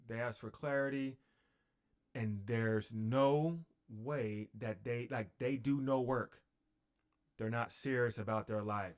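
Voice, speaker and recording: A man teaching on a livestream. He talks unhurriedly, with fillers and repeated phrases. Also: mid-range voice.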